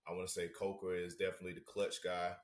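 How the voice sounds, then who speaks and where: A man co-hosting a casual sports chat, laid-back, swinging between hyped bursts and low mumbles. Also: monotone, fast talker. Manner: hyped, sarcastic, bursts loud then drops low. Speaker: co-host. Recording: roomy echo.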